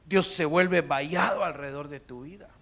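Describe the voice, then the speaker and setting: Man, pastor, sermon, high voice, shouted peaks, addresses congregation. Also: moderate pace. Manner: preaching with sudden shouted peaks.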